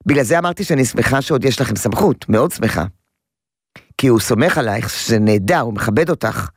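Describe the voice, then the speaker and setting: A woman's voice: extremely low pitch, animated, husky, dry recording, studio quality. A woman advising a caller on parenting, emphatic and repeating words for stress. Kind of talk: radio call-in advice.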